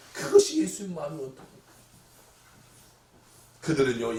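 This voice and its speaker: A male pastor preaching a sermon, animated, acting out the voices he quotes and sometimes shouting. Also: sits high, recorded from a distance. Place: church sanctuary. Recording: echoey church hall, voice from off the mic.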